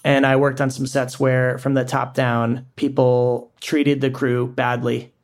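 A man's voice: medium pitch, flat delivery, a little slow. A man co-hosting a casual film-review podcast, earnest and opinionated, often restarting his sentences. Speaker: podcast co-host.

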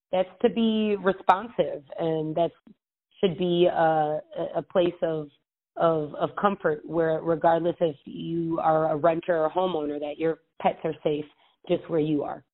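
A woman's voice: low voice, steady tone, unhurried. A woman state legislator answering interview questions earnestly, rambling with many restarts over a phone call. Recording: tinny phone line.

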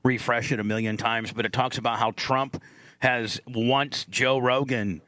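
A man's voice: medium pitch, fairly even intonation, unhurried, bright, forceful tone, no echo. A man hosting a talk show, speaking in a casual, direct style. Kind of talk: casual opinionated talk and ad reads.

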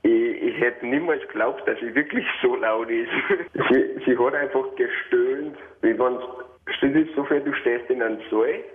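A man's voice: medium pitch, normal speed, slight background noise. Austrian male caller, laid-back storyteller, phone line sound. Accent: Austrian German. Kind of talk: telling an anecdote on air.

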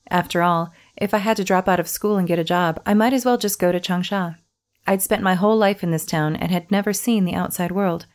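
Woman narrator, lower register, steady first-person storytelling read. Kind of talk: scripted narration.

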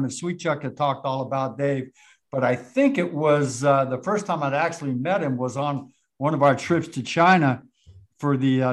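A man hosting a podcast, moderating the talk in a casual, chatty way. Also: fairly high pitch. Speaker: podcast host.

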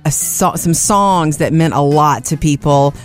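A woman's voice: sits low, a little slow, soft background music. A woman co-hosting a radio show, chatting about entertainment in an emphatic, gushing way.

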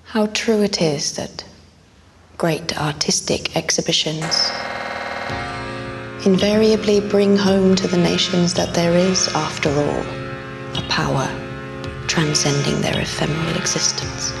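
Woman voicing a low, creaky, grandiose Satan. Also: fairly even intonation, over music. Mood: grandly sly. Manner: grandiose, drawn-out, theatrical. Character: Satan, theatrical connoisseur addressing creatures about war's ballet. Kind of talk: dramatic reading of an allegorical play.

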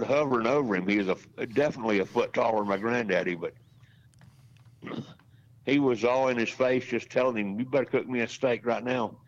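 A man in his sixties, a racetrack announcer, telling rambling, folksy stories as a podcast guest. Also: medium pitch. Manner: folksy, rambling anecdotes with restarts. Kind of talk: casual storytelling in a podcast interview. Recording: dull lo-fi audio.

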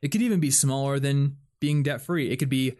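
A young man hosts a relaxed podcast conversation. His voice sits at a middle pitch, and he rambles as he works through his ideas, leaning on fillers and restarting his sentences. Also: brisk. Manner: rambling, filler-heavy, thinks aloud. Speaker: podcast host. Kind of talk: casual chat.

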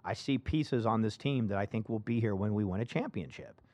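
A man hosting a casual sports talk show, emphatic and animated, often restarting his sentences. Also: lowish voice, brisk, no echo.

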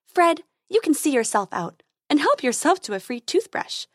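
A woman voicing a brave, brisk female tooth fairy who works as a dentist. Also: high voice, sing-song, no room sound, studio quality, voice pushed up.

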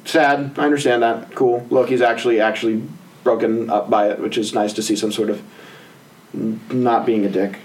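A man's voice: mid-range voice, steady tone, normal speed, darkish tone, distant mic, rough recording. A man co-hosting a casual movie-review podcast, sarcastic and swearing, mimicking characters' lines. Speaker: podcast co-host.

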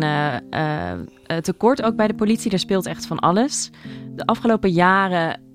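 A female host asking measured questions and summarizing what her guest says. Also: fairly low pitch. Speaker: podcast host. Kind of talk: interview questions.

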